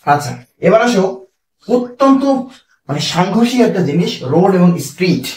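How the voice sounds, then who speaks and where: A young man teaching English grammar in an online exam-prep lesson. He explains step by step, asks questions and answers them himself, and reads example phrases slowly. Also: high-pitched, expressive, a little mellow. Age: young adult. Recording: echoey room, a little far from the mic.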